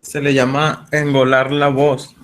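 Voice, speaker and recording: A man, a student calmly explaining a point in an online class. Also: mid-range voice, measured pace. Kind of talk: class discussion. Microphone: video call.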